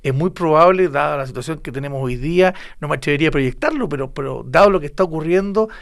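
A man's voice: a little high, fast talker. A Chilean man discussing current affairs in a casual panel chat, often repeating words as he searches for them. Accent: Chilean Spanish. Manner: hesitant, repeats words while thinking.

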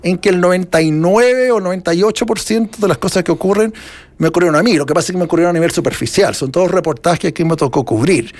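High-voiced rambling Chilean man. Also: fast, darkish tone. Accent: Chilean Spanish. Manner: rambling, many restarts and fillers, reflective. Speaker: author being interviewed. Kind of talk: casual interview conversation.

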